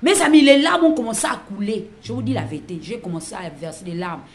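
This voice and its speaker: A woman's voice: medium pitch, lively intonation, fast. A woman, a prophetess giving an emphatic religious testimony, retelling events with much repetition and speaking directly to her listeners. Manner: emphatic, repetitive storytelling addressing the audience.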